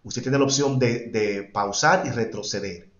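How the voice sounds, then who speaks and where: A man's voice: mid-range voice, unhurried. A man teaching an English class, explaining patiently and repeating words emphatically as he switches between two languages. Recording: echoey, dull-sounding room.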